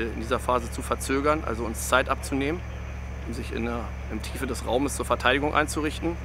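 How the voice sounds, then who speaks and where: A man's voice: medium pitch, noisy background. A male soldier giving an explanatory briefing in an interview.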